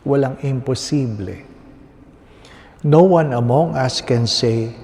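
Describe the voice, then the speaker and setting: Priest, slow and measured, mellow tone, long cathedral reverb. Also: male voice, mid-range voice. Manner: slow, measured, solemn delivery. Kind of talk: gospel reading and homily at Mass. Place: large basilica indoors. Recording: long reverb of a large stone church.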